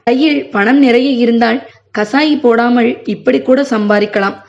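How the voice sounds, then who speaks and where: A woman reads a family story aloud in a steady, measured way. Her voice sits fairly high, and the recording is muffled and lo-fi. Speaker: story narrator.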